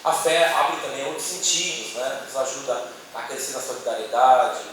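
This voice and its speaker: A man with a Brazilian Portuguese accent, speaking on a church panel, gives a conversational talk to an audience in a meeting hall, using many tag questions. His voice is mid-range at normal speed. He holds a handheld mic but sounds distant and off-mic, in an echoey, noisy hall with a crowd in the background.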